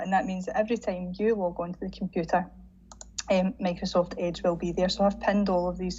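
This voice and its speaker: Sharing her screen, a female digital learning trainer guides teachers through a software tutorial in a lowish voice. Her delivery is chatty and peppered with "um" and "again" as she shows each step. Expect faint hiss over a dull, lo-fi recording.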